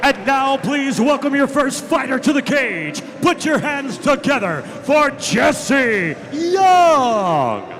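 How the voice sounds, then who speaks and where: A man working as a live ring announcer in a showman-like ringmaster style, with booming shouts and drawn-out words. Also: sing-song. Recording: loud crowd behind, live event. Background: crowd noise.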